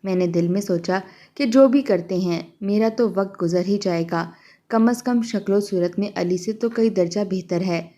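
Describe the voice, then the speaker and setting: Mellow woman narrating a story. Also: medium pitch. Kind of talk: first-person story narration.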